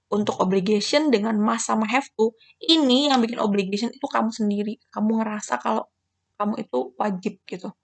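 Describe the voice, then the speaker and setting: A woman's voice: on the high side, gravelly. Chatty young woman teaching English. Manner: chatty, rhetorical questions, acts out student replies. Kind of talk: casual online English lesson.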